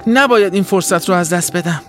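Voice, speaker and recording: A man's voice: sits high, a bit bright, a little hiss or hum, pitched above the performer's own voice. A man voicing a small, brave young fish who talks with determination in a children's story. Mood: anxious. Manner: determined, crying out.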